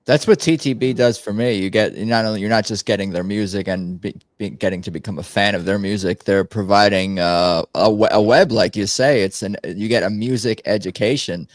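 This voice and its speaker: A man hosting a podcast who asks questions in a halting way and restarts his sentences often. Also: lowish voice, no room sound. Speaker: podcast host. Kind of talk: casual interview chat.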